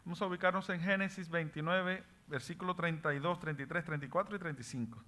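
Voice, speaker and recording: A man's voice: on the high side, fast, bright, forceful tone. A man teaching a Bible study class, reading scripture aloud and explaining what names mean while asking the class questions. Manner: switches between Spanish and English words.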